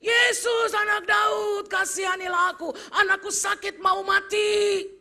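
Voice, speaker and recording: A woman preacher voicing a desperate foreign mother who cries out loudly for her dying child. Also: level tone, unhurried, full character voice. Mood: desperate pleading. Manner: shouting, high-pitched pleading.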